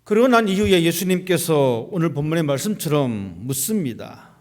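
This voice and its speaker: A man's voice: fairly high pitch, sing-song, normal speed, darkish tone. A male pastor preaching a sermon in a church sanctuary, asking the congregation rhetorical questions. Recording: long hall reverb.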